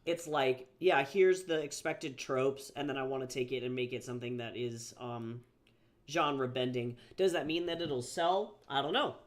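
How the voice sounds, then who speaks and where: A man with a mid-range voice talks at a normal speed while drawing on a livestream, sounding a little sick. He's a livestreaming artist and author, chatting casually and rambling, swearing and piling on fillers and restarts.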